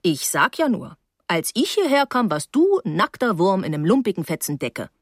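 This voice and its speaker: A woman's voice: medium pitch, very animated, moderate pace, slightly rough, dry recording, studio quality. A woman reading an audiobook, voicing a blunt, scolding nanny who is fierce but caring. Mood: brusque. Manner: blunt, scolding, dramatic outbursts.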